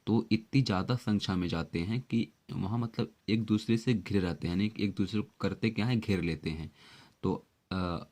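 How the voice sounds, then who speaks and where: Low-voiced man teaching vocab. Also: moderate pace, a little mellow. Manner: chatty, with repeated questions to the viewer. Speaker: exam-prep vocabulary teacher. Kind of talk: explanatory lesson.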